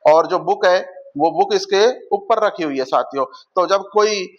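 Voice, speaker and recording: Male exam teacher, high voice, dull lo-fi audio. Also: a little slow. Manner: quizzes listeners with repeated questions; addresses viewers as friends. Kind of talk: exam prep lesson.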